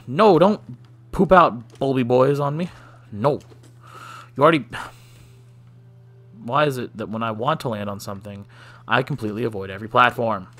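A man's voice: mid-range voice, normal speed, long pauses, fairly bright tone, faint music behind. Man, let's play commentary, self-deprecating, joking, sighing, mid-range voice. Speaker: gaming channel host.

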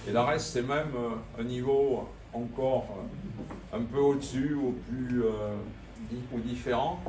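A man who is a departmental councillor gives a rambling, halting speech at an exhibition opening, full of fillers. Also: mid-range voice, fairly even intonation, a little mellow, distant mic. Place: exhibition room in an old town hall. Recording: echoey room, voice from afar, ambience noise.

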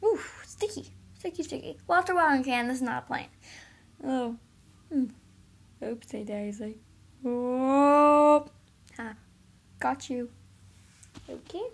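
A woman's voice: high voice, takes it slowly, pauses often. A woman chatting playfully and casually while reviewing toys at home in a carpeted room, recorded on a camera set on the floor. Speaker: toy reviewer. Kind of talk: casual toy unboxing chat.

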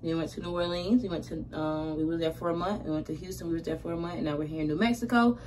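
This American vlogger in her twenties races along in a fairly low, darkish voice, chatting with lots of slang as she gets ready in a small room. The camera mic sits a short distance away, so the recording is roomy, with faint noise underneath.

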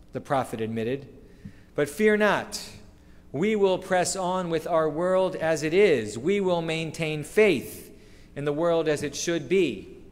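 A rabbi delivers a sermon from a wooden lectern in a synagogue sanctuary, his slightly high-pitched voice picked up by a lectern microphone. His preaching is measured and earnest, built from slow, emphatic phrases, and the large hall adds a long reverb.

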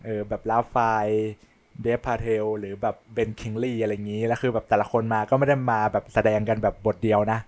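A man talks through a film review in a casual, unscripted way. His voice sits a little low, and he stops often for fillers and restarts as he gathers his thoughts. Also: level tone, a little fast, darkish tone. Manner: loose and hesitant, many fillers and restarts.

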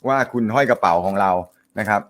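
A man hosting a casual live stream, reading viewer comments, with a naturally loud voice and a joking, chatty manner. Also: lowish voice, fast talker. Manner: joking, laughs often, chatty. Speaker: host of a snooker live show.

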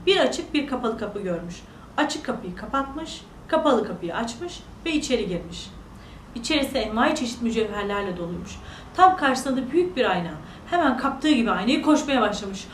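A woman storyteller narrating a children's fairy tale in an animated, sing-song manner. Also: on the high side, fairly quick, a little hiss or hum. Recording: echoey room, far from mic.

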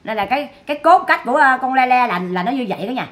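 A woman's voice: sits high, expressive, fast. A woman doing gossip commentary to her viewers, scolding and repeating herself for emphasis. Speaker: online commentator.

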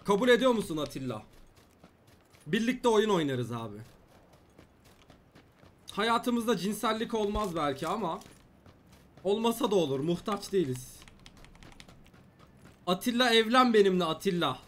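A young gaming streamer talks casually over his gameplay, joking with and teasing his viewers, with keyboard clicks audible in the background. His fairly bright, expressive voice sits high and swings up and down, at normal speed with frequent pauses.

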